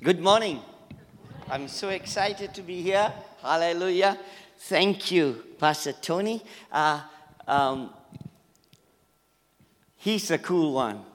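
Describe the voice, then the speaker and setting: Excitable high-voiced preacher with Malaysian accent. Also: male voice, slow pace, long pauses. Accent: Malaysian English. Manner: excitable and over the top, laughing often. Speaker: guest preacher. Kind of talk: sermon. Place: church hall. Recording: echoey church hall with long reverb.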